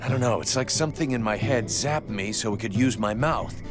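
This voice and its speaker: A man's voice: mid-range voice, brisk, close to an everyday voice. A man playing a plain-spoken, blunt mercenary hero in a video game. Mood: bewildered. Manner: blunt, informal. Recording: game audio with music.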